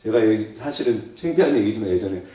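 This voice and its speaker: A man's voice: lowish voice, animated, quick pace, mellow. A male pastor preaching a sermon, asking the congregation questions and acting out prayers and quotes. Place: church sanctuary. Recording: very echoey church hall, mic far off.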